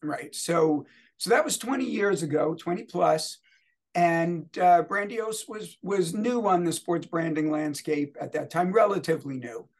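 New york guy doing podcast chat, husky and creaky, kinda deliberate, takes the long way round. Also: fairly high pitch. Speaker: podcast quiz segment host.

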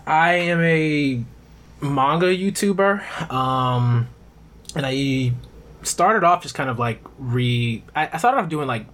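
A man's voice: mid-range voice, fairly bright tone. Rambling male podcast guest. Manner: rambling, with many "um"s and restarts. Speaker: podcast guest, manga YouTuber. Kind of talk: casual interview chat.

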